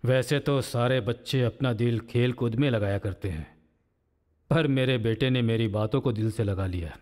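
A man's voice: medium pitch, normal speed, a little mellow, lightly acted. A man dubbing a film role as a doting young father who jokes and coaxes his baby in playful baby talk. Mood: wry.

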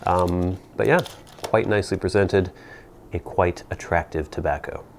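Man, thirties or forties, low-pitched voice, casual reviewer, measured explanations, playful asides. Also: steady tone, background noise. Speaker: pipe tobacco reviewer. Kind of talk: informal product review to camera. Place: small indoor set with plain backdrop. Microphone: lapel mic.

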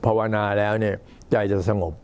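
An old man, a Buddhist monk, giving an informal talk to temple visitors in an unhurried, halting way. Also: darkish tone. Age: older. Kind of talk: informal talk, recounting temple history and announcements.

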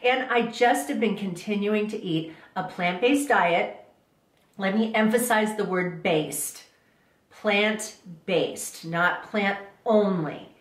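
A woman's voice: mid-range voice, a little slow. Middle-aged woman chatting away on her vlog, kinda rambly, lots of restarts, roomy echo. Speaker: vlogger. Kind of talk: casual talking-to-camera vlog. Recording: echoey room.

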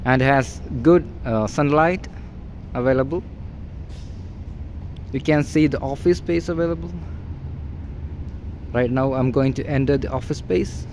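In an unhurried, slightly mellow mid-range voice broken by long pauses, a man leads a walkthrough of a large empty warehouse, plainly and repetitively noting its features as a real estate agent. Slight background noise comes through on the handheld phone used by the person filming.

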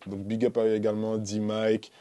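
Sitting in a small dark recording studio, a young man from the Antilles chats informally to camera as an interviewed music artist. Born in Guadeloupe, he's also lived in Martinique and French Guiana; his fairly low, monotone voice moves at normal speed, full of slang, "tu vois," and shout-outs.

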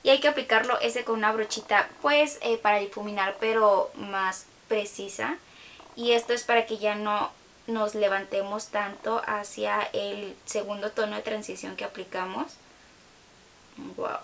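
A woman's voice: medium pitch, steady tone, moderate pace, gravelly, a bit bright. A young woman gives a casual makeup tutorial from her bedroom, chatting along with hesitant fillers.

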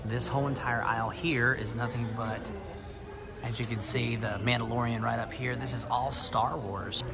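A man's voice: medium pitch, steady tone, moderate pace, vocal fry, over a noisy crowd. A man narrating a casual walking tour of a big store on a handheld phone, pointing things out as he goes. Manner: upbeat, points things out as he walks. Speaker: vlog host. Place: large store, then indoors in a car. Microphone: handheld phone camera. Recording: loud music behind the voice.

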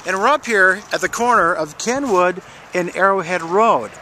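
A man's voice: high-pitched, moderate pace, sharp tone. A middle-aged American man giving a casual, rambling walk-and-talk update, musing aloud into a handheld camera outdoors by a road. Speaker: public access TV presenter and weatherman. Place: outdoors beside a busy road and construction fence. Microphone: handheld camera at arm's length. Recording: noisy outdoor roadside handheld recording.

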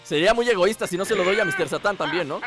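A man's voice: sits high, racing, over music. A man giving playful, teasing gameplay commentary, swearing casually. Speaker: gaming channel host.

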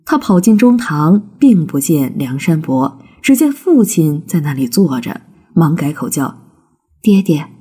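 With a mellow, husky voice, a woman reads a folk storybook at a slow pace. Her delivery is expressive, and her pitch rises and falls in a lively way.

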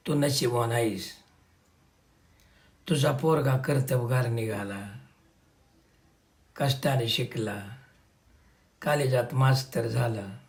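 A man voicing a heartbroken old village man who pleads through tears in rustic speech. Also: medium pitch. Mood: wistful. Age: older.

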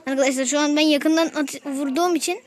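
A woman giving casual gameplay commentary to her viewers, excitable and quick to burst out in frustration. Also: high voice. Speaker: gaming video host.

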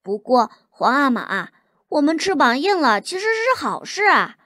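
A woman's voice: high voice, very animated, measured pace, bright, forceful tone, no echo, clean studio sound, heavily acted. Woman voicing a cheeky joking young prince. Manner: cheeky, playful.

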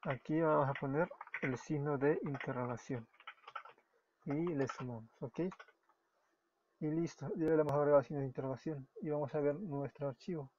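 Brief: Peruvian-accented man, fairly high voice, tutorial narration that stops to correct itself, dull lo-fi sound with typing. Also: fairly even intonation, normal speed, a little mellow, slight background noise. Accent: Peruvian Spanish. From Peru. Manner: explains step by step, self-correcting, often apologizing. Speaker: web development tutor. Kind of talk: screen-recorded coding tutorial. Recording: dull lo-fi recording with keyboard typing.

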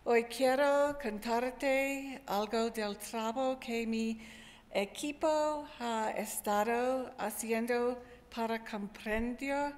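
Slow American woman speaking accented Spanish. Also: fairly high pitch. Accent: American, also when speaking Spanish. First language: English. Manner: slow, careful non-native Spanish with a strong American accent. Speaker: scientist giving a lecture. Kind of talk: prepared public lecture. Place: large auditorium at a podium. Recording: echoey lecture hall.

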